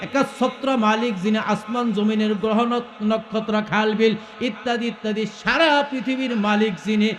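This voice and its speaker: A man's voice: sits high, steady tone, normal speed, a bit bright, reverberant, a little hiss or hum. A male preacher telling a story in a sermon, calling out questions to the crowd and breaking into melodic chanting.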